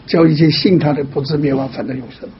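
A man with a slightly high voice counsels a caller in a patient, teaching way. He lays out each point slowly and keeps softly checking in. The sound is muffled and lo-fi. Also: fairly even intonation, a little hiss or hum. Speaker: pastor answering a caller. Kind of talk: pastoral counseling.

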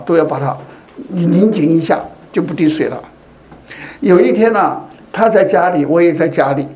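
A man's voice: sits high, a little mellow. A man giving a sermon in a conversational way, telling a personal story and often asking his listeners rhetorical questions. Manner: tells personal stories to make a point. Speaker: preacher.

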